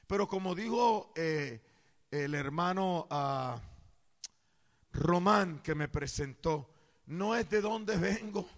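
Caribbean man preaching in a church, high gravelly voice, booming and joking with the crowd, long hall echo. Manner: loud, playful, jokes with the congregation. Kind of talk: sermon.

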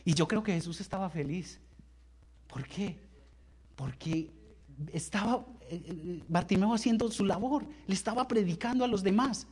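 Male preacher, high husky voice, impassioned, repeats and restarts as he preaches. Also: moderate pace. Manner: impassioned, swinging between loud outbursts and hushed lines; repeats words and restarts phrases. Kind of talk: sermon storytelling.

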